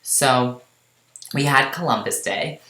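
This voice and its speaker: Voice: medium pitch, takes it slowly, sharp tone, reverberant. A late-teen game vlogger chatting casually over gameplay, rambling with many fillers and joking at their own expense. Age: late teens. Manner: rambling, filler-heavy, self-deprecating.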